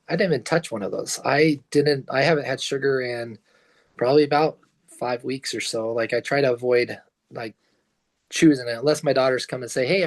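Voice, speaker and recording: A man talks as a guest on a video call in an easygoing, rambling way. His voice sits at an ordinary middle pitch. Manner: easygoing, rambling with fillers and restarts. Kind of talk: casual chat on a video call.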